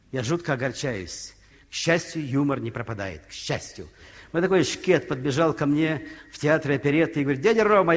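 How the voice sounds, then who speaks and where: An older man, a comedian telling humorous anecdotes in an unhurried stage monologue. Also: medium pitch. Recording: reverberant hall.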